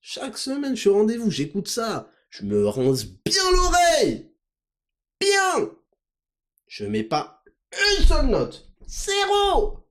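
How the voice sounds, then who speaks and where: A man putting on the voice of a lazy male listener who never leaves ratings, mocking and shouting theatrically. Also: very high voice, huge pitch swings, slow pace, pitched above the performer's own voice, exaggerated voice. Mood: mock indignant.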